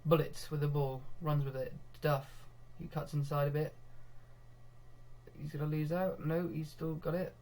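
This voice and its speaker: A young man commentating live on his own football management game, getting excitable when goals come and laughing at himself. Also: a little high, moderate pace. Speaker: gaming video host.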